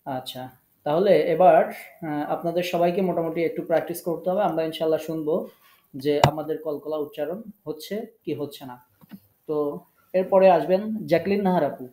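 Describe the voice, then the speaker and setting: A man's voice: fairly high pitch, steady tone, brisk, mellow, reverberant, a little hiss or hum, low-quality recording. A man teaching a live online Quran recitation class, calling on students one by one, patiently correcting and drilling their pronunciation. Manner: patient, coaxing, repeats drills and gives tech help.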